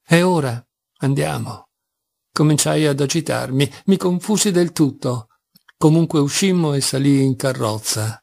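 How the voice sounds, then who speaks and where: Gravelly-voiced man reading a novel. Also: a little high. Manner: measured, expressive reading with dramatic pauses. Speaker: audiobook reader. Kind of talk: literary audiobook narration.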